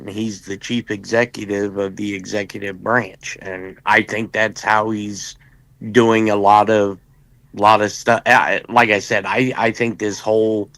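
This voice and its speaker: A man co-hosts a call-in show with a low voice and little rise and fall. He answers questions matter-of-factly, and his voice sounds dry. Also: fairly bright tone, no room sound, low-quality recording. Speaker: co-host. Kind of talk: talk show commentary.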